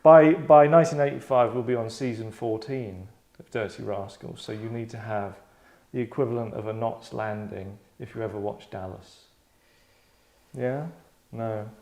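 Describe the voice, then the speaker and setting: A man directing an actors' table read in London explains things to the group in a lowish, slightly mellow voice with some vocal fry. He talks at a normal speed, casual and rambling, with a sardonic, mock-dramatic edge.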